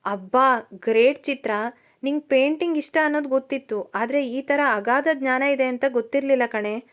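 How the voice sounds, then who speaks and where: A woman's voice: high voice, moderate pace, lightly acted. A woman voicing a gushing, impressed young woman friend in a storybook reading.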